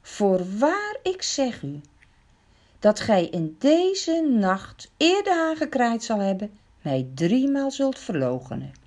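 A woman's voice: on the high side, very animated, slow, darkish tone. A woman voicing a solemn grown male teacher who speaks a prophecy in old-fashioned formal words. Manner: solemn, archaic phrasing.

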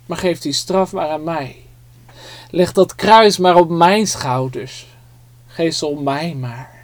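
A gentle, earnest man offering to take the blame, in a children's Bible story, voiced by a storyteller. The words come slow and even, close and dry. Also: mid-range voice, no room sound, natural voice. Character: calm self-sacrificing man, gentle and earnest.

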